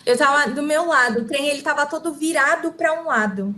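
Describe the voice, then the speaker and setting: A woman with a Brazilian Portuguese accent interprets a talk phrase by phrase. Her voice is high and her delivery fast, and she keeps pace with the speaker. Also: pushed and bright. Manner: quick, relaying phrase by phrase. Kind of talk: consecutive interpreting.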